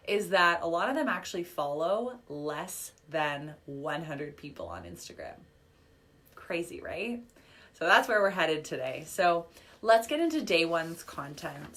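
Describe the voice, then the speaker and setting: A woman's voice: on the low side, fairly bright tone. A woman in her thirties, a business coach, running a live online workshop in a chatty, upbeat way with lots of fillers, her voice a little worn. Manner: chatty, upbeat, filler-heavy, reading chat comments aloud. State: slightly losing her voice. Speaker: business coach and podcast host.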